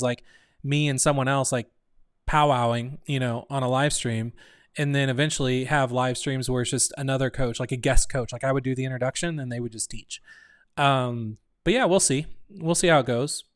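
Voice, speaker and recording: A man talks casually on his own live stream, thinking out loud and often restarting mid-sentence. His voice sits at a middle pitch. The sound is dry and close, with hardly any room around it. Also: no room sound. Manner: rambling, thinks aloud with restarts. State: hiccuping. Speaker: community host.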